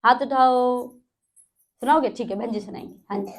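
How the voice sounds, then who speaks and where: A woman's voice: a little high, normal speed, faint music behind. A woman giving a spiritual lesson to a class, telling a story and quizzing listeners with repeated recaps. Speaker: spiritual teacher. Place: in front of a class.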